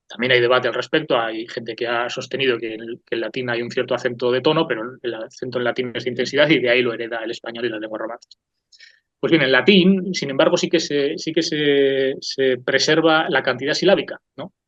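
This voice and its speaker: A man's voice: mid-range voice, fairly bright tone, no echo. A man hosting a talk program, giving an unscripted, thoughtful and digressive lecture that often checks in with the listener. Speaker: host of a cultural talk program. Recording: slightly dull, dry lo-fi recording.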